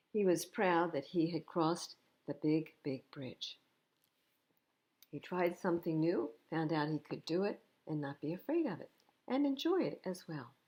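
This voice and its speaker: Reading to young kids at storytime, this woman brings a picture book to life and explains the illustrations along the way. Her pitch is fairly low, with a slightly mellow quality.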